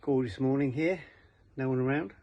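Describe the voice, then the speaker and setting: A man with a dark, mid-range voice and moderate pace presents a casual hands-on DIY demonstration aboard a small cabin motorboat for a boat fitting shop's how-to videos. He is occasionally hesitant, hunting for words as he works, and the camera audio sounds dull and lo-fi with faint noise.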